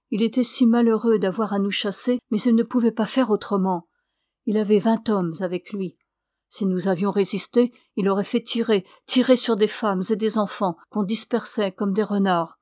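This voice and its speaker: A weary young man, broken by loss and bitter underneath, as a woman reads him. He speaks haltingly and in a hushed way, in a mid-pitched voice with a close, dry sound. It is a storybook figure rather than a full character voice. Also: steady tone, dry recording, close to an everyday voice. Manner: halting, subdued. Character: young man, exhausted, grief-stricken, bitter.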